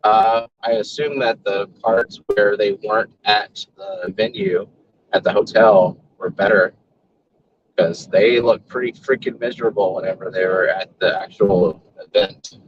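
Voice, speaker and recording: A man's voice: lowish voice, fairly even intonation, measured pace. A young man co-hosting a casual chat over a video call, playful and joking. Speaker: co-host. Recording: muffled noisy call audio.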